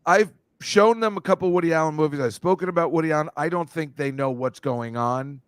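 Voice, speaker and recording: A comedian who also teaches film chats loosely on a podcast, wandering off on tangents and breaking into impressions of movies. His voice sits fairly high and moves briskly, with a clean tone and a dry recording.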